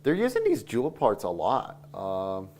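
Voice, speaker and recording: A man's voice: fairly low pitch, huge pitch swings, normal speed, darkish tone. A man hosting a casual livestream, mumbling asides to himself as he works through a build. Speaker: host building a model kit on stream.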